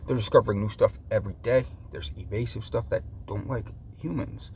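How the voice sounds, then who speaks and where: A man with a fairly low voice talks in a casual, meandering vlog style. He drifts along loosely and repeats phrases as he goes. There is some noise behind him. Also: fairly quick, vocal fry, a little mellow. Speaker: vlogger. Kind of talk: rambling casual chat to viewers. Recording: noticeable background noise.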